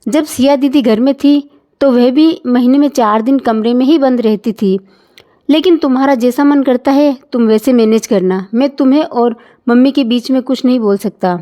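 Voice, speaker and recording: A woman's voice: high voice, moderate pace, mellow, natural voice. A woman voicing a young husband who dismissively avoids taking sides, in a storybook reading.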